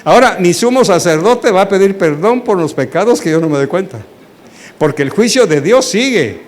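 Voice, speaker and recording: A man's voice: high-pitched, moderate pace. A man, a pastor teaching a Bible study sermon, asking the congregation questions and acting out dialogue. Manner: animated, asks the congregation questions, acts out dialogue.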